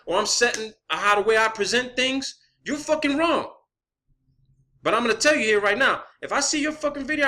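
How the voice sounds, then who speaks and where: Speaking in a very high-pitched, sharp voice, an online video creator unleashes a profane, blunt, confrontational rant aimed at his camera or viewers.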